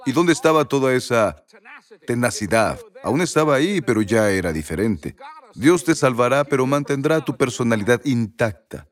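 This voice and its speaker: A male preacher delivers a sermon in a mid-range voice, working through a scripture passage. He reads deliberately, leaning on repeated words to drive each point home. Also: mid-range voice, big pitch swings. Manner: slow, emphatic reading with repeated words for stress.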